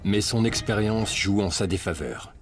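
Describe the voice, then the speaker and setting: Low-voiced man narrating a nature documentary. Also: moderate pace. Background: prominent music.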